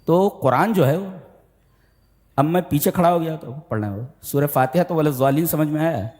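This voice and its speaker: A man preaching a sermon in an animated way, repeating phrases for emphasis. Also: a little high, in a large hall.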